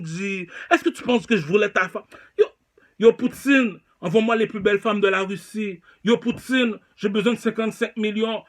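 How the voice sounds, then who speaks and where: Rambling man, high sharp voice, sudden loud outbursts. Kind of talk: rambling comic monologue.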